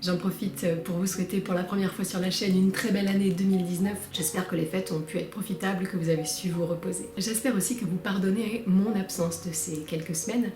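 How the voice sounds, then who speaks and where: A woman's voice: medium pitch, steady tone, brisk, hardly any pauses. A woman yoga teacher greeting her viewers in a casual, affectionate video intro. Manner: warm, affectionate address to viewers. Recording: echoey room with loud music.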